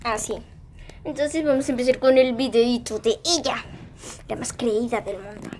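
A woman vlogging at home with her pet rabbit, giggly, excitable and chatting with her viewers. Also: a little high, moderate pace, a little hiss or hum. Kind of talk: casual home vlog.

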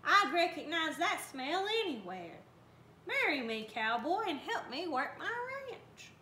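A woman's voice: very high-pitched, big pitch swings, takes it slowly, sharp tone, pitched above the performer's own voice, full character voice. A woman voicing a spirited young ranch woman with a sassy country drawl in a storybook. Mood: eager. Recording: roomy, faint background noise.

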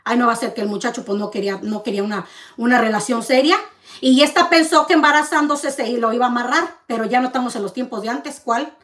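High-voiced, angry woman vlogger. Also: fairly bright tone. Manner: angry, accusing, rapid rhetorical questions. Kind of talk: heated confrontational rant to camera.

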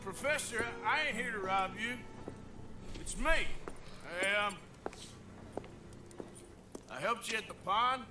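An actor playing a polite but rough American outlaw cowboy in a video game, hesitant, folksy and plain-spoken. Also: male voice, high voice, takes it slowly, long pauses, over music. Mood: cautious, calling out. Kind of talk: video game character acting. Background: outdoor game ambience.

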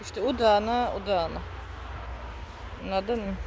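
A woman with a Trabzon Turkish accent tells a personal story in an earnest, regretful tone, repeating herself and using local dialect words. Faint street and traffic noise sit behind her voice outdoors. Her pitch sits in a middle range for a woman. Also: moderate pace, a little mellow. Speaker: vlogger.

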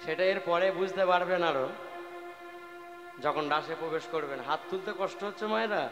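Devotional preacher, man, high-pitched, quick questioning bursts, loud instruments and tabla behind, echoey hall. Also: highs cut off. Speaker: kirtan singer and preacher. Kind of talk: devotional kirtan singing and sermon. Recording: roomy hall with live music.

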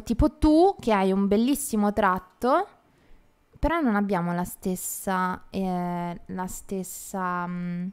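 A young woman streamer chatting casually while playing a strategy game, playful and quick to laugh as she reads the chat. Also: mid-range voice, darkish tone, smooth. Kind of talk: casual live game commentary.

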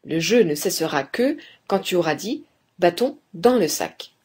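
A woman voicing a male master craftsman in a fairy tale, quietly instructing his apprentice. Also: on the low side, animated, measured pace, breathy edge.

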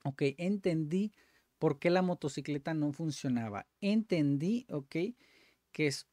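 Male host, casual think-aloud, self-correcting, dry close mic, lively pitch. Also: measured pace, no room sound. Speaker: language-learning video host. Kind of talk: casual commentary while doing language exercises.

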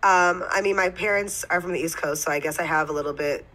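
Animated young woman from Los Angeles. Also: on the low side, fast talker, poor audio. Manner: animated storyteller, acts out quotes, says "like" a lot; straight to the point. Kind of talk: casual chat.

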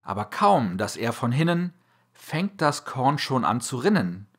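A man reads a rhyming children's tale aloud like a storyteller. His voice is husky and his pace is slow. Pitch rises and falls widely, and sound words are called out loudly. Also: very animated. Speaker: narrator reading a children's verse tale. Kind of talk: expressive storybook reading.

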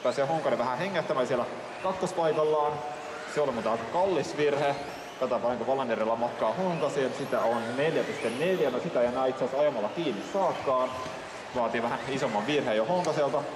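A man giving steady live play-by-play of a model car race, reading out positions as the cars go round. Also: on the high side. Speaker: race commentator. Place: large indoor exhibition hall at a model car race. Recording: echoey hall, noisy PA sound.

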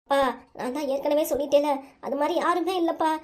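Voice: high-pitched, quick pace, a little mellow, close to an everyday voice. A woman voicing a young adult daughter with a southern Tamil accent, pleading with her father and refusing to give up her love. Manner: pleading, then firmly defiant.

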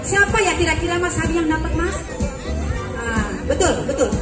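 An energetic woman with a very high voice hosts a live prize draw. She prompts people repeatedly through an echoey PA, over very loud music. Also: normal speed, a loud crowd. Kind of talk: live stage hosting, urging winners forward. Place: outdoor festival stage in a large square. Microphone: handheld microphone through PA.

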